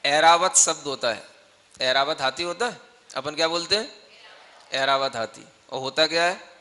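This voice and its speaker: A man's voice: on the high side, moderate pace, pushed and bright. A man, a monk, teaching grammar from scripture in a patient classroom style, explaining with everyday examples and often asking the listeners whether they follow. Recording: long reverb of a hall.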